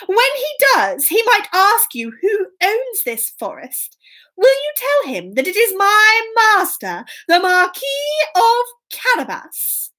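A scheming storybook cat in boots, acted out by a woman storyteller, speaking in a very high, swooping voice. He is eager and urgent, always wheedling on his master's behalf. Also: huge pitch swings, slow, bright, forceful tone, heavily acted, poor audio. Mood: pleading, persuasive. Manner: urgent, pleading, wheedling delivery.

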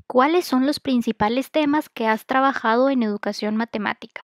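A woman host reading a formal scripted introduction and interview questions clearly. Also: a little high, a little fast, no room sound, clean studio sound.

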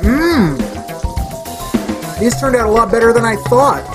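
A young man with an extremely high-pitched voice hosts a casual cooking tutorial from his home kitchen, over music. He talks through each step a little slowly and expressively, with frequent restarts and self-corrections.

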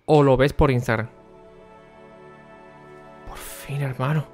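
A young man, chatting casually on a stream and talking to his viewers by name, often keeping his voice low for the neighbours. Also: fairly even intonation, slow pace, faint music behind. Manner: speaking quietly for the neighbours.

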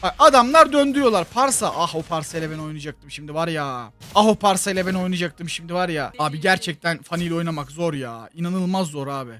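A man with a Turkish accent giving chatty, excitable commentary on a mobile game as the host of a gaming channel. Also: fairly high pitch, fast, hardly any pauses. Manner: excitable, chatty, bursts into loud shouts.

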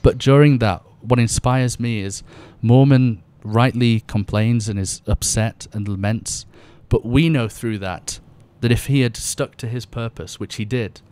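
A man's voice: medium pitch, measured pace, hardly any pauses, darkish tone, smooth. A man who is a podcast guest, talking earnestly and reading verses aloud with feeling. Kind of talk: podcast conversation with scripture reading.

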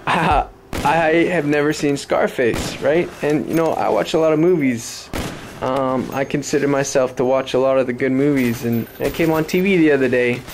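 A man, hoarse from losing his voice, giving casual game commentary from his apartment, rambling and swearing with frequent laughs. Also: medium pitch, normal speed, a little hiss or hum. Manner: rambling, profane, laughs often. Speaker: gaming commentator. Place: apartment at home.

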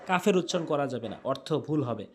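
A man from Bangladesh teaching how to pronounce the Quran, spelling out letters slowly and repeating words in drawn-out recitation. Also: medium pitch, animated, a little hiss or hum. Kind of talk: explaining Arabic pronunciation rules.

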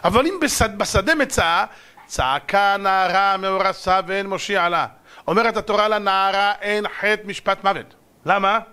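A man, a rabbi, giving a dramatic sermon to an audience, acting out parables and sometimes shouting. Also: high voice, clear, resonant tone. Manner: dramatic, acts out parables in many voices.

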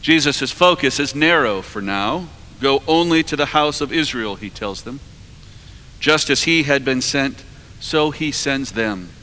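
Earnest man preaching in a cathedral. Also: mid-range voice. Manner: measured, earnest, trails off softly at phrase ends. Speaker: priest preaching. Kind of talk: sermon. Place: large cathedral, at a lectern. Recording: long cathedral reverb.

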